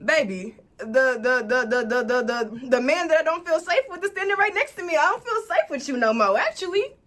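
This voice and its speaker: A woman in her twenties telling a story to camera, animated and laughing as she talks straight to viewers. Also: high voice, a little fast. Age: 20s.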